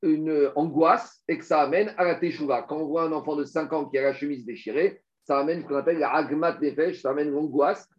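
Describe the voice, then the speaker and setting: Animated man teaching a Talmud class. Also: a little high, brisk, hardly any pauses. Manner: explains step by step, rhetorical questions, animated. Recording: dull lo-fi recording.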